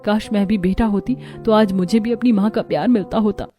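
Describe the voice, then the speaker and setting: A woman's voice: medium pitch, brisk, warm tone, faint music behind, close to an everyday voice. A woman voicing a seventeen-year-old girl in a cartoon story, speaking in a pleading, hurt way. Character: 17-year-old girl, neglected and longing for love. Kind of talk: cartoon voice acting.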